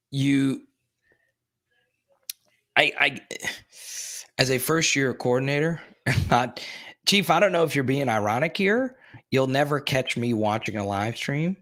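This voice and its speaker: A young man with a mid-range, fairly bright voice hosts a sports live stream, rambling casually in his plain, everyday voice as he reads and answers viewers' chat comments.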